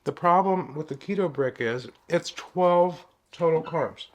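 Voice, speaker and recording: A man's voice: on the high side, a little slow, a little hiss or hum. A man co-hosting a home cooking vlog, rambling and joking while he chats about food. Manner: jokey, rambling, laughs easily. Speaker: keto vlog co-host. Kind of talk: casual chat.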